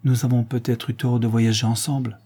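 A man reading an audiobook, voicing a tender, earnest young woman in love, softly and gravely. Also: medium pitch, little pitch movement, brisk, close to an everyday voice.

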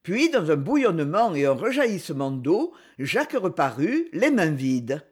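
A man reading a novel aloud as narrator, with expressive storytelling. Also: a little high, normal speed, breathy edge.

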